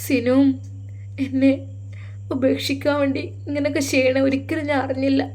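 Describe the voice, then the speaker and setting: A woman voicing a heartbroken young wife who speaks quietly and tearfully, with a Malappuram Malayalam accent. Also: high voice, level tone, normal speed, voice pushed up, lightly acted. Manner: quiet, sobbing, hushed.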